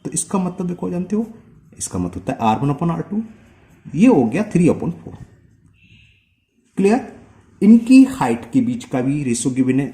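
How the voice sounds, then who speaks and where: Male maths teacher, patient step-by-step explainer who keeps checking in with the viewer; mellow tone, animated pitch. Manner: slow, step-by-step, asking the viewer questions. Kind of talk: explaining a multiple-choice solution.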